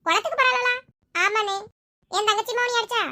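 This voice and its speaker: Woman doing a pushy big brother, loud and high, demanding. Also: fairly even intonation, fairly quick, a little hiss or hum.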